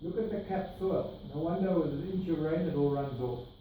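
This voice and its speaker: A middle-aged South African man presents slides to a workshop group in a meeting room with a projector screen, pointing out details as he explains. With no mic, a far camera captures his slightly high, mellow, fairly quick voice in a distant, echoey, noisy room.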